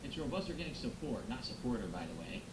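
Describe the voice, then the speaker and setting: Fast and full of big pitch swings, a man with a medium-pitched voice live streams on a close XLR mic. He chats casually, thanks viewers, and muses aloud, in an echoey room with background noise.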